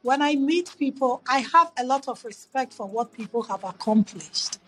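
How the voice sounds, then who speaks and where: A woman's voice: sits high, lively intonation, moderate pace, fairly bright tone, slight background noise, low-quality recording. A middle-aged woman from Ghana, interviewed as a guest, telling stories about her upbringing in a reflective, earnest way with frequent restarts over a remote call. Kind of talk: conversational storytelling.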